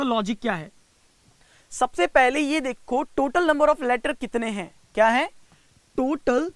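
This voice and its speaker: A young Indian man teaching reasoning in a live online class, mixing Hindi with English, coaxing and teasing students by name and slowing down to spell out each step. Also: extremely high pitch, fairly bright tone, no room sound. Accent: Indian English mixed with Hindi. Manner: coaxing and teasing, reads out student names, slows down to spell out steps. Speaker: reasoning teacher for bank exams.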